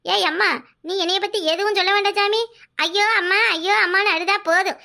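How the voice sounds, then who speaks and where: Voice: extremely high pitch, steady tone, a little fast, pushed and bright, exaggerated voice. A performer voicing a scheming, bossy older village mother in a cartoon, with a Kanyakumari Tamil accent and a coaxing, theatrical manner. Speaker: cartoon character. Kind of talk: comic cartoon voice acting.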